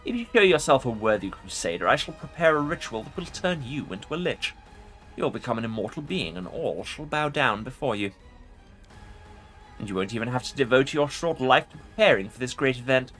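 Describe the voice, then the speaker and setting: Guy doing an ancient undead lich for a fantasy game, super haughty n imperious, forceful voice, bit of music behind. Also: on the low side, big pitch swings, fairly quick, heavily acted. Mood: commanding. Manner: pompous, imperious formal speech. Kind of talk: dramatic video game role-play reading.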